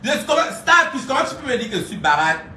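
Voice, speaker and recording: A woman's voice: on the high side, big pitch swings, quick pace. Taunting, laughing woman. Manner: taunting, laughing, chanting insults, bursts of shouting. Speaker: social media streamer. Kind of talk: mocking live rant. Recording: echoey room, voice far from mic, faint hiss.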